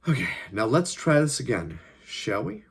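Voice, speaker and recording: A man reading his novel aloud, voicing a polite, formal government agent who threatens his captives in measured words. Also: mid-range voice, very animated, creaky, husky, voice pushed up, full character voice. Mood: cold menace. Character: cold, polite, menacing male government agent.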